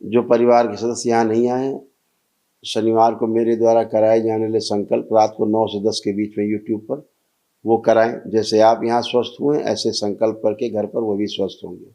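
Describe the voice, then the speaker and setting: A man leading a healing gathering, giving measured, commanding instructions to a congregation. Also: on the low side, flat delivery, dark tone. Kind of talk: guided ritual instructions to a congregation.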